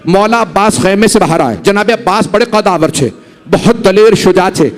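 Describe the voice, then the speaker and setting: A high-pitched male preacher tells a mourning story from the pulpit. He builds to impassioned peaks and keeps pleading with the gathering to stay with him. His delivery is emotional and storytelling. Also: moderate pace, long reverb tail. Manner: emotional storytelling, urging listeners to watch him. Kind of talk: mourning sermon.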